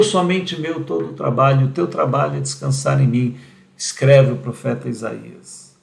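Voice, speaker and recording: A man with a Brazilian Portuguese accent giving an animated religious teaching, acting out imagined voices and often adding a questioning "né?". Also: medium pitch, creaky, echoey room.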